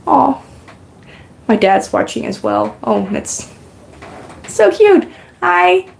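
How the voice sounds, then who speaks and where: Her voice sits high with huge pitch swings, slow and creaky, over slight background noise. A Dutch-native woman, she rambles chattily on her knitting stream, reading and thanking chat comments, captured on a good podcasting microphone.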